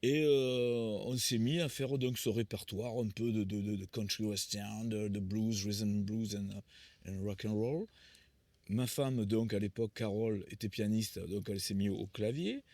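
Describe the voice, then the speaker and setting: A man's voice: fairly low pitch, fairly even intonation, a little slow, a little mellow, no echo. A man in his sixties, a musician being interviewed, telling anecdotes in a rambling way with many restarts. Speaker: musician guest. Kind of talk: conversational storytelling interview.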